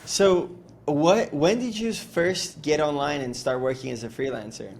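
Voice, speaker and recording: A man's voice: a little high, a little slow, darkish tone, slight background noise. A man hosting a podcast, giving a polished intro and asking interview questions in an upbeat way. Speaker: podcast host.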